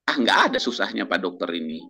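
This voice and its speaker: A doctor who is also a church minister tells his faith testimony in a casual talk-show chat, animated, quoting others and chuckling along the way. He has a low-pitched, gravelly voice and talks fast, with a crowd audible in the background.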